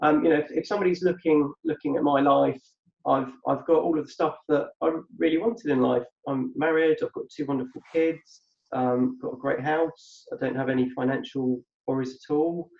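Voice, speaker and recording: Speaking in a steady, creaky mid-range voice, a middle-aged man appears as a reflective podcast guest who halts and repeats words as he works through his ideas. He was recorded off-mic, giving a dull, roomy sound.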